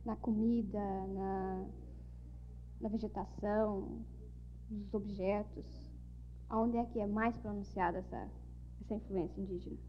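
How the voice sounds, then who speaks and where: A woman interviewer asking soft, probing questions. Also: medium pitch, steady tone, a little slow, pauses often. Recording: dull lo-fi recording with faint hum.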